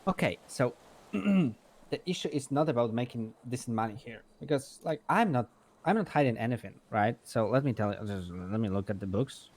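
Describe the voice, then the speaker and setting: In improvised game roleplay, a man plays a blunt, foul-mouthed mechanic and shop owner who rambles emphatically and swears freely. His medium-pitched, darkish voice is lively at normal speed, and he sounds confident and explanatory.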